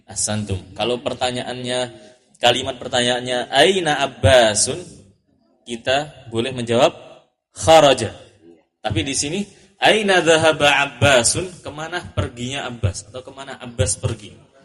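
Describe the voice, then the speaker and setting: A man's voice: mid-range voice, moderate pace, fairly bright tone. A man teaching an Arabic lesson, patiently repeating and correcting each student's answer. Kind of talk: classroom drill lesson.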